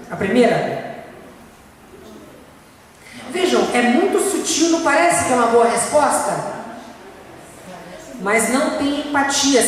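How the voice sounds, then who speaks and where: Brazilian woman lecturing in an echoey hall. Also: on the high side. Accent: Brazilian Portuguese. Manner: asks the audience rhetorical questions, slows down to stress points. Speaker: speaker giving a church talk. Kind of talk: lecture to an audience. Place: church hall. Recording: echoey hall from far off, faint hiss.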